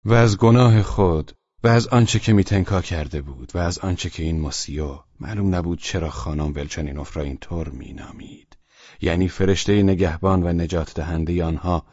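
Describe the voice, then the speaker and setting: A man narrating a novel as an audiobook in a measured, even reading. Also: sits low, no room sound, highs cut off. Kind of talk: scripted narration.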